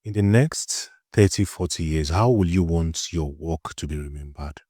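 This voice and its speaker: A man hosting a podcast interview, asking calm, measured questions and offering short acknowledgements. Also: low-pitched, breathy edge, no echo, clean studio sound. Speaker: podcast host.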